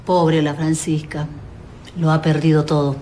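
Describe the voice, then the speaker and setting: A fretful, gossipy older shopkeeper woman in a TV sitcom. Her voice sits low and she laments her neighbors' money troubles. A faint hum of the shop set lies behind her. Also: level tone, measured pace, warm tone. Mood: worried. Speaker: shopkeeper worrying about rich neighbors. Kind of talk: television sitcom acting. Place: corner shop set, indoors.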